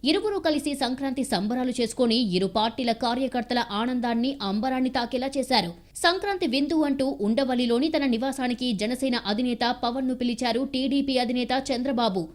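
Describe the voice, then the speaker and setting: A woman's voice: high-pitched, fairly quick. A woman reading a news voice-over with a punchy, dramatic delivery. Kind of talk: scripted news narration. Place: studio voice-over.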